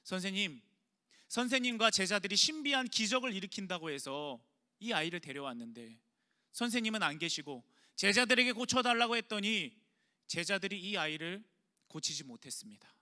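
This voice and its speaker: A man's voice: high voice, expressive, normal speed, sharp tone, full character voice. A man voicing a desperate father who begs for help for his sick son, in an urgent, pleading way.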